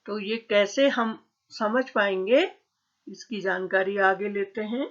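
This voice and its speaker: A woman's voice: mid-range voice, takes it slowly, muffled recording. A woman teacher giving a grammar lesson, patiently asking questions and answering them herself. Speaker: school teacher.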